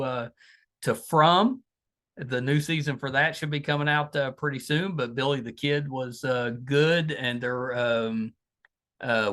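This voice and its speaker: A man with a West Virginia Appalachian accent speaks as a podcast host, at a middling pitch. He is informal and folksy, talking to guests and listeners in a loose conversational style. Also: a bit bright. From West Virginia, USA. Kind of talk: casual, conversational podcast hosting.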